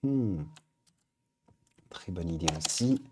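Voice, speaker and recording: A man's voice: sits low, animated, slow, background noise. A man hosting a live stream, chatting casually as he reads out viewer suggestions. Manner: upbeat, chatty, thinking aloud. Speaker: livestream host.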